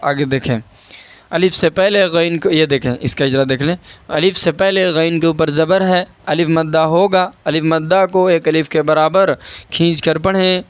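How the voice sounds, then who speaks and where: High, clear-voiced man teaching Qaida reading. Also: steady tone, dry recording. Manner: patient, spells letters out slowly and repeats. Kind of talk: online Qaida reading lesson.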